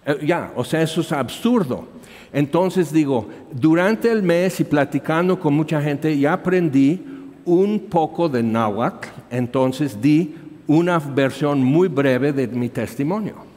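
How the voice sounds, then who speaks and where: A man's voice: on the high side, a little mellow. Man telling a story in an echoing hall. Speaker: missionary preacher. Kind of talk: storytelling sermon. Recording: reverberant hall.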